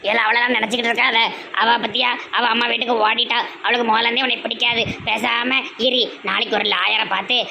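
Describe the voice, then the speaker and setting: Comedy sketch: woman doing a scheming old mother, low coaxing voice, Tirunelveli accent, gravelly edge. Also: flat delivery, fast, noisy background. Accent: Tirunelveli Tamil. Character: scheming older mother, sly and meddling.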